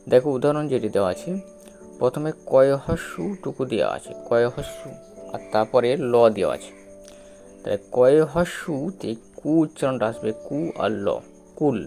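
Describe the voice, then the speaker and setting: A man teaching a spelling lesson, sounding out syllables slowly and repeating them, with regular checks that the learner follows. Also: mid-range voice, gravelly, warm tone. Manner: slow, repetitive, drawn-out syllables with frequent checks.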